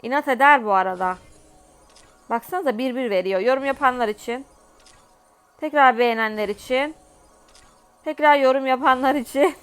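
A young woman with a Turkish accent talks through a mobile game as a gaming vlogger. Her voice sits high, and she turns dramatic, pleading and exclaiming, in casual running commentary. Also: moderate pace, pauses often, clear, resonant tone, soft background music. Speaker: gaming YouTuber.

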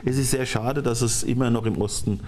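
A middle-aged man talking as a studio guest on a talk show, halting and restarting his sentences often. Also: medium pitch, fairly even intonation, a little mellow, slight background noise. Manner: halting, frequent restarts and repeated words. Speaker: studio guest, former football coach.

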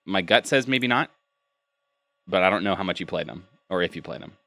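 A man's voice: deep voice, animated, fairly quick, sharp tone, no echo. A young man chatting casually and informally as a game stream host, rambling a little, close to the mic. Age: young adult. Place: small room indoors, home streaming setup. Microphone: close microphone on a boom arm.

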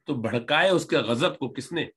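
A man teaching Arabic grammar, reading lines slowly and explaining them word by word. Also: mid-range voice, animated, fairly bright tone, breathy edge. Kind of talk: grammar lesson, reading and translating Arabic text.

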